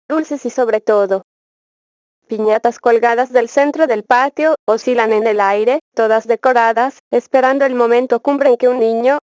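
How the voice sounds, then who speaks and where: A woman's voice: fairly high pitch, no echo. Woman reading a spelling lesson aloud. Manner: clear, steady textbook reading. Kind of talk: read-aloud grammar lesson.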